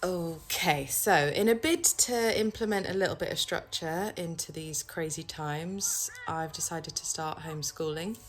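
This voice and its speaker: A woman playing a self-mocking mother on maternity leave, talking briskly in a video diary. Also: deep voice, faint music behind. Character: self-mocking mum starting homeschooling.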